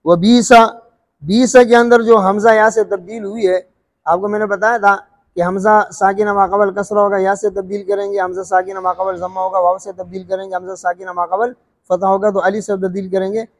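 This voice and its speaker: A man teaching rules of Quran recitation, explaining calmly and drawing out recited words slowly, often asking if it is understood. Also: high-pitched, long reverb tail. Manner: slow drawn-out recited examples between explanations; checks understanding with questions.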